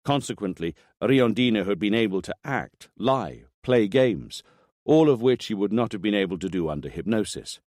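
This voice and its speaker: Guy reading a thriller audiobook, lowish voice, lots of melody in it. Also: expressive, normal speed, a little mellow, dry recording, clean studio sound. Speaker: audiobook narrator. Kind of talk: scripted narration.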